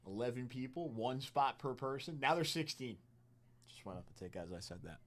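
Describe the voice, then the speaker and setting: A man's voice: mid-range voice, brisk, fairly bright tone. A man hosting a live card-break stream, chatting off the cuff with viewers and hyping the spots on offer in a casual sales style. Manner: off-the-cuff, chatting with viewers between spot counts.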